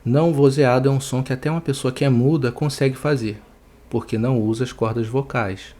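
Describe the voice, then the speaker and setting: A man with a Brazilian Portuguese accent teaching English pronunciation, patiently repeating words slowly to show each sound. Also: mid-range voice, fairly even intonation, warm tone. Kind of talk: online English pronunciation lesson.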